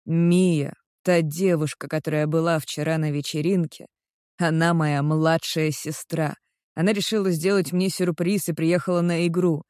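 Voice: medium pitch, steady tone, moderate pace, a little mellow, smooth, dry recording, studio quality, natural voice. A reader voicing an earnest young man in love. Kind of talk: audiobook character reading.

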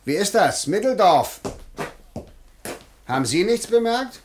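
A man's voice: high voice, very animated, takes it slowly, slight background noise, heavily acted. A man playing a pompous, bullying village magistrate in a classic radio play. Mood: stern questioning. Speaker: official questioning villagers.

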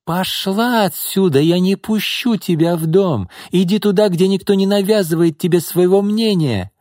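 A man reading an audiobook, voicing a domineering middle-aged woman who speaks in a harsh, scornful, drawn-out way. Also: on the high side, animated, no room sound, studio quality, voice pushed up, natural voice. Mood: furious. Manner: scornful, sharp, drawn-out hissing lines. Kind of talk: audiobook character voice.

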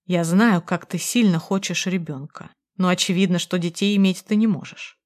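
A woman reading the part of a cold, manipulative husband, speaking slowly and with measured pressure. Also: fairly low pitch, fairly even intonation, close to an everyday voice. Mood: persuasive.

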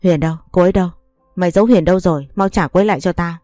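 A woman's voice: fairly low pitch, rapid-fire, dark tone, dry recording, faint music behind, close to an everyday voice. A woman reading the lines of a furious young husband who scolds harshly. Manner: scolding, cursing.

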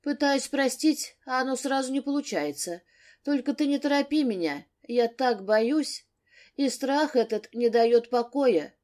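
A woman narrator voicing a young wife who speaks softly and pleadingly, close to tears. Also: on the high side, very animated, moderate pace, voice pushed up. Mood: tearful. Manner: soft, pleading. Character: young wife, tearful, tender and afraid.

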